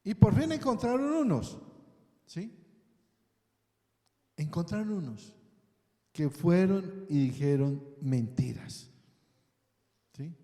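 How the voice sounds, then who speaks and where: A man preaches slowly in a big echoing church hall, his high voice rising and falling with lively swings. He keeps asking the congregation questions and checking in with them again and again. His tone stays dark and mellow. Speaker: pastor. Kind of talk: sermon.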